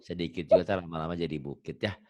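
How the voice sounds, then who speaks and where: A middle-aged man teaching Quran reading in an online lesson, explaining patiently in a chatty way and chanting recited verses slowly. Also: low voice, mellow, no echo.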